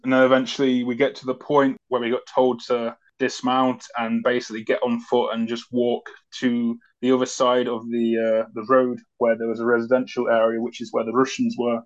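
A man's voice: medium pitch, monotone, brisk, hardly any pauses. A man, a former soldier, recounting events as an interview guest in a loose, conversational way with many fillers. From Britain. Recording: dull lo-fi audio.

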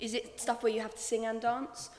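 Fast-talking Essex woman, blunt and encouraging. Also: fairly high pitch, little pitch movement, darkish tone. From Essex, England. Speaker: panel guest, experienced dancer giving career advice. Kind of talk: casual advice at a live Q&A. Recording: echoey hall.

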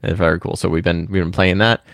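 With a deep yet fairly bright voice, a podcast co-host talks fast in a steady tone. He chats casually and rambles, piling on fillers and restarting often. The studio sound is clean, with no room sound.

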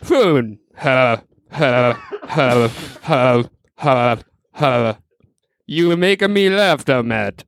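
A man voicing a boastful female robot maid in an improvised comedy bit, talking in a slow, halting, muffled robot manner. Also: mid-range voice. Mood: deadpan robotic.

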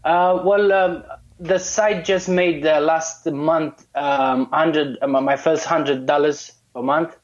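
A Romanian man speaks in a fairly high, evenly intoned voice at a slow pace, appearing as a guest and course student in a casual interview. He talks hesitantly, with many fillers and restarts, over muffled lo-fi call audio.

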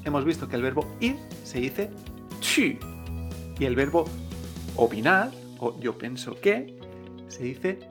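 A man's voice: fairly high pitch, a bit bright. A man teaching Chinese pronunciation, patiently repeating each sound for the listener to drill. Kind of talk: pronunciation lesson.

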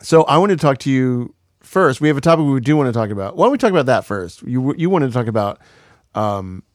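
A man co-hosting a podcast, talking in a relaxed way with many fillers. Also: medium pitch, quick pace, no echo, clean studio sound. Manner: relaxed, lots of "like" and "um". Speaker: podcast co-host. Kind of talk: casual chat.

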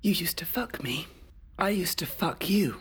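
An actress playing a bitter, unhinged young mother who speaks in hushed, menacing whispers. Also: on the low side, animated, unhurried, exaggerated voice. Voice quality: breathy.

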